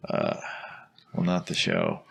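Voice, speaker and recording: A man's voice: deep voice, very animated, slow, creaky, a bit bright, slight background noise. A man hosting a podcast in casual, joking and teasing chat, swearing freely. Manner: profane. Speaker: podcast host.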